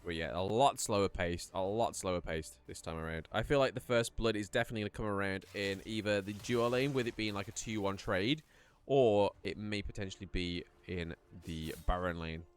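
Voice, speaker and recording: A man casting a live esports match in a chatty, rambling play-by-play style that rises in excitement during fights. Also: lowish voice, a little fast. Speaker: esports caster. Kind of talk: live play-by-play game commentary.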